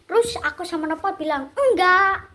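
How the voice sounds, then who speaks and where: High-pitched chatty woman dictating a script. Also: a little slow, fairly bright tone, slight background noise. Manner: chatty, strings lines with "then" and quotes dialogue in shifting tones. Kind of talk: casual dictation of a skit script.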